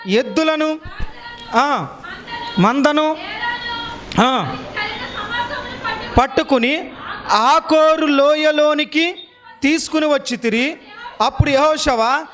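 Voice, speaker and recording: A man's voice: very high-pitched, slow pace, pauses often, music in the background, crowd noise. A man preaching as a pastor, firing rhetorical questions at his congregation and repeating them, with sudden emphatic bursts. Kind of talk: sermon.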